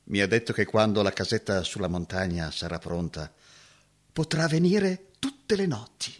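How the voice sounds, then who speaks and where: An actor playing a heartbroken former woodsman, moving from hushed remembering to anguished cries. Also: fairly low pitch, animated, normal speed. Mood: mournful. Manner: emotional, swinging from hushed recollection to anguished cries. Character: heartbroken former woodsman haunted by lost love. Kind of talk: dramatic acting.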